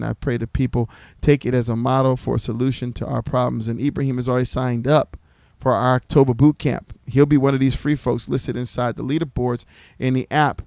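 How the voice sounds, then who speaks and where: A man speaking like a preacher to a livestream audience. He drives his points home by repeating them, with a middle-pitched voice. The sound is close and dry, with no room echo. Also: a little mellow. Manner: preacherly, repeats phrases for emphasis. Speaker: community organizer presenting his platform.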